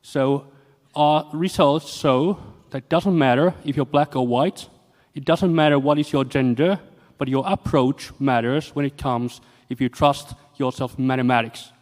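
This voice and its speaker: A man giving a short poster pitch at a conference with a jokey, mock-preacher tone. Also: unhurried, hardly any pauses, a little mellow. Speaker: conference presenter. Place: conference hall. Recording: echoey lecture hall.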